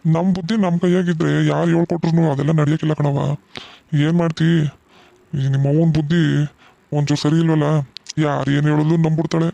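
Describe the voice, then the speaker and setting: Man voicing a gravelly reassuring cartoon father. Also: fairly high pitch, little pitch movement, brisk, long pauses, dark tone, no echo. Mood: comforting. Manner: soothing, reassuring. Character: gentle middle-aged village father, reassuring. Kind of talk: cartoon voice acting.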